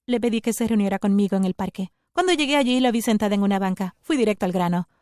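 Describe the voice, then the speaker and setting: A woman giving an expressive, scripted first-person narration of a story. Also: mid-range voice, quick pace, no echo, studio quality.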